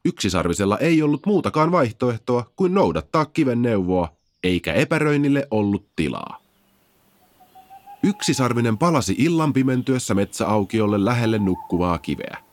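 A man reading a children's fairy tale aloud, expressive and gentle. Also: mid-range voice, dry recording. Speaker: storyteller. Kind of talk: children's audiobook narration.

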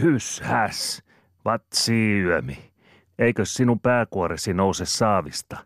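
A man voicing a loud, bustling peasant woman who scolds and shouts in quick exclamatory bursts while herding cows in an audiobook. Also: fairly low pitch, no room sound, studio quality, pitched above the performer's own voice.

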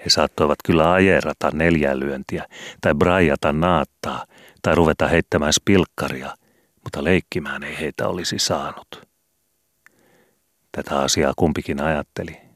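A man reading a children's book aloud as an audiobook, in a steady, measured way. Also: extremely low pitch, no room sound, studio quality. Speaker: audiobook reader. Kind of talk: audiobook narration.

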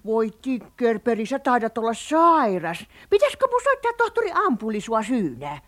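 An actress playing an excitable centuries-old witch who dotes on her cat, in a children's radio play, with a lilt. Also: fairly high pitch. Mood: coaxing. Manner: giddy, boastful, bossy.

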